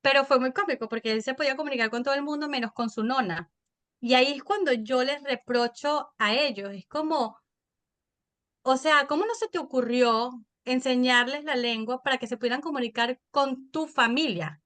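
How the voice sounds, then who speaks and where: A woman in her thirties with a Venezuelan accent, a podcast guest telling stories in an animated, chatty way. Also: high voice. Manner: animated storytelling, quick and chatty. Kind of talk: casual interview chat.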